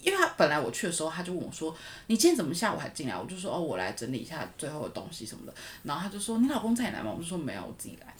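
Lively, fast-talking woman. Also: low-pitched. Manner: animated storytelling with frequent laughter. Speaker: podcast co-host. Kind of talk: casual chat.

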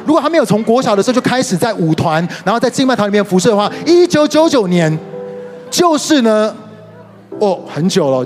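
A middle-aged man with a Taiwanese Mandarin accent preaching a sermon, telling stories animatedly with sudden leaps in pitch. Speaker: pastor and worship leader. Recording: reverberant hall with soft music behind.

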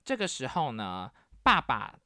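A Taiwanese woman hosts a podcast in an extremely low, unhurried voice, casually telling family stories and animatedly acting out what each relative said. The studio recording is clean, with no room sound.

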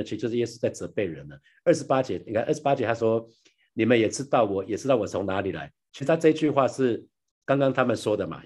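Husky low-voiced man teaching. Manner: repeats phrases, ends lines with soft 哈 and 啊 tags; addresses listeners as brothers and sisters. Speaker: pastor sharing a daily devotional. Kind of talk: devotional Bible teaching.

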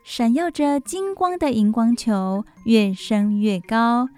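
A woman radio host reading a bedtime story for children, expressive, with asides to listeners. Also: a little high, slow pace, soft background music. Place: radio studio.

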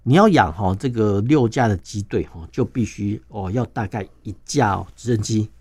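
A man with a Taiwanese Mandarin accent speaks as an interview guest, laying out his points step by step. His voice sits fairly low and he keeps tacking soft particles onto his phrases. The recording is close and dry, with no room sound. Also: normal speed, slightly rough, no room sound. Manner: sprinkles sentences with filler particles; steady, explaining step by step. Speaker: guest defense journalist. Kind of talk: explanatory interview talk.

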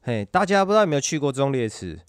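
Clear-voiced Taiwanese man telling stories casually. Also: medium pitch, rapid-fire, no room sound, studio quality. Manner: animated, uses sound effects to illustrate. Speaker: guest telling his military service stories. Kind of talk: casual conversational storytelling.

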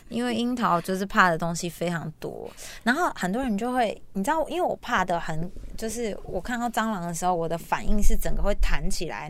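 A young woman, hosting and telling a story in a lively, animated way, acting out the voices of people she quotes. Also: medium pitch. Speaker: host. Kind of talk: casual storytelling chat.

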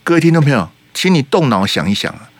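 A man's voice: mid-range voice, big pitch swings, quick pace, no room sound. A man with a Taiwanese Mandarin accent hosting a political talk radio show, heated and emphatic, firing rhetorical questions at his listeners.

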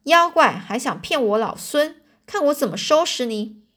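A woman voicing a bold, quick-tempered male monkey king in a children's storybook reading. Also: sits high, expressive, fairly bright tone, voice pushed up. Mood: fierce.

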